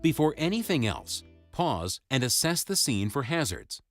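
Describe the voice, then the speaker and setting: A man's voice: mid-range voice, big pitch swings, normal speed, soft background music. A man reading scripted instructional narration for a first-aid training video, in an emphatic, imperative way. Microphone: close, dry voice-over.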